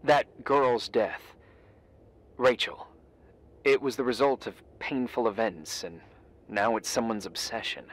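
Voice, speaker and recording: An actor playing a calm, cryptic official who speaks in a soft, measured way in video game dialogue. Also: male voice, mid-range voice.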